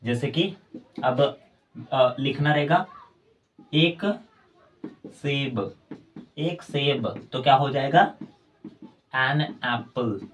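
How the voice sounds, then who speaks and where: A man's voice: mid-range voice, very slow, long pauses, a little hiss or hum. Male English tutor, patient repetitive classroom delivery. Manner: explains by repeating words, addresses viewers as friends. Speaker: English teacher. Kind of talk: classroom-style grammar lesson.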